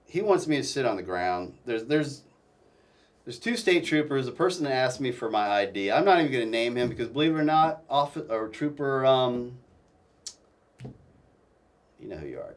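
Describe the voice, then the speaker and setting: A man telling his own story as a guest in a casual interview, halting and restarting often. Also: medium pitch, recorded from a distance.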